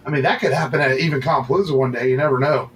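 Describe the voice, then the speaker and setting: A man's voice: medium pitch, rapid-fire, a bit bright, a little hiss or hum, low-quality recording. A man co-hosting a casual podcast chat, rambling with many fillers and restarts. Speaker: podcast co-host.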